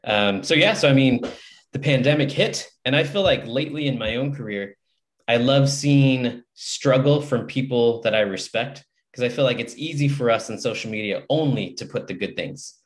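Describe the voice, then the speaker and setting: A man's voice: medium pitch, expressive, moderate pace. A man talking casually as an author guest on a podcast, in an earnest, motivational way. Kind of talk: casual interview chat.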